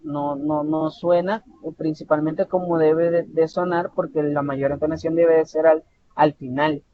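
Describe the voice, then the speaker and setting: A man's voice: unhurried, gravelly. A man from El Salvador tutoring an online lesson, explaining patiently and often restarting words and checking with "¿verdad?". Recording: dull lo-fi audio with faint rumble.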